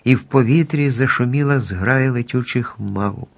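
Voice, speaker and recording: A man calmly narrating a children's storybook at an even pace. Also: mid-range voice, normal speed, gravelly, slightly rough.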